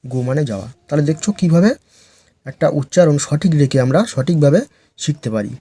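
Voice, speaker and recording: A male teacher slowly drilling English letter sounds for beginners, his first language Bengali. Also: a little high, expressive, dark tone, slightly rough, no echo. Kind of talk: phonics lesson for beginners.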